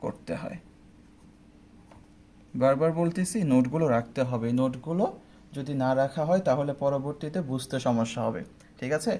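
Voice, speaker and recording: A man's voice: mid-range voice, moderate pace, long pauses, dark tone, a little hiss or hum. A young man teaching pronunciation rules step by step, often checking in with his students. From Bangladesh. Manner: explains step by step, often asking "ঠিক আছে?". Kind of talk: online admission-test pronunciation lesson.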